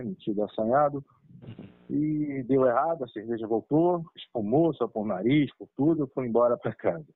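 Middle-aged man, chatty storyteller who acts out the dialogue, mid-pitched, dry thin phone-like sound. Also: dry recording. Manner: lively, chuckling, acts out dialogue. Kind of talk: personal spiritual storytelling. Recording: tinny dry phone-like line.

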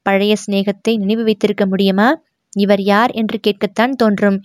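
A woman's voice: medium pitch, little pitch movement, moderate pace, darkish tone, no echo, natural voice. A proud young prince speaks, hurt and stung, as a woman reading the story puts him on. The voice sits only a little above her own. The recording is close and dry. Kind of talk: audiobook narration of a historical novel.

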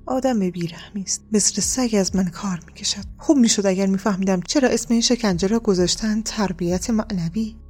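A woman narrating an audiobook in a soft, hushed reading voice. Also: medium pitch, few pauses, slightly rough, soft background music.

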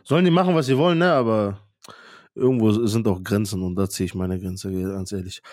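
A man's voice: fairly low pitch, fairly quick, a little mellow, no room sound, studio quality. A man co-hosting a podcast, telling a story earnestly and unhurriedly in casual chat. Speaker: podcast co-host.

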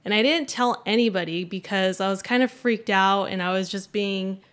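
A woman in her thirties with a mid-pitched voice, chatting casually as a co-host. She sounds easygoing and laughs often. At times she leans back and drifts away from the mic. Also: normal speed, fairly bright tone. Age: 30s. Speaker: podcast co-host. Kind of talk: casual chat.

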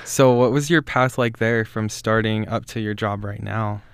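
A young man hosts a relaxed podcast interview, asking brief, friendly questions and laughing often. His voice is clear and smooth. The sound is dry and close to the mic. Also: fairly low pitch, normal speed, no echo. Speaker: podcast host, student. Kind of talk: casual interview conversation.

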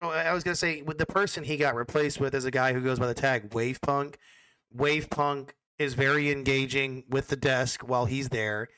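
Casting note: man, esports caster type, bright crisp voice, dry close sound, halting casual answers. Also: medium pitch, fairly even intonation, no room sound. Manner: hesitant, repeats words when starting.

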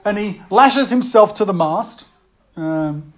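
A preacher giving a sermon, reading old verse slowly and acting out the voices of tempters. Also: medium pitch, expressive.

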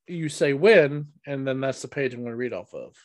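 A man hosting a casual podcast, playfully reading knock-knock jokes in a deadpan way. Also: medium pitch, normal speed, no room sound. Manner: playful, deadpan joke delivery with groans. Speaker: podcast host.

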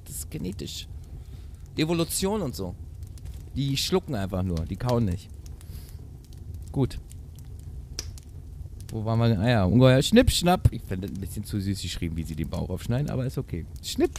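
A man's voice: mid-range voice, slight background noise. A man with a German accent reading a fairy tale aloud, breaking off for sarcastic, mocking commentary. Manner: sarcastic, mocking asides, lively intonation. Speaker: reader. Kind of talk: casual read-aloud with joking commentary.

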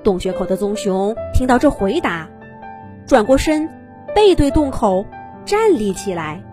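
A woman narrating a children's animal story in an expressive, dramatic way. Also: medium pitch, a little slow, over music.

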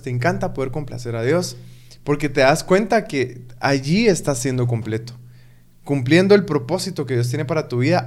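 A man's voice: mid-range voice, a little mellow. A man talking in an earnest, preaching way during a casual faith conversation.

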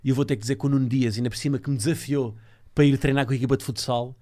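A man's voice: medium pitch, fairly even intonation, racing, mellow. A man with a European Portuguese accent hosting a casual, joking interview in an informal, teasing way. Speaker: podcast host.

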